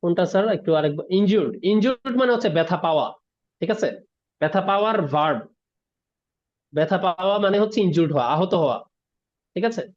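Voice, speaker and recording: Male tutor, online class, quick and high-pitched, muffled video-call audio. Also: animated. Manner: explains word by word, mixing English terms, asks "ঠিক আছে?". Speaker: English teacher.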